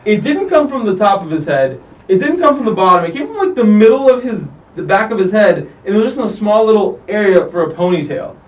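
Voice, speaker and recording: A man's voice: high voice, fast, recorded from a distance, low-quality recording. A man hosting a soccer countdown show, commenting casually and animatedly on footage, swearing freely. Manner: animated, profane, acts out players' lines.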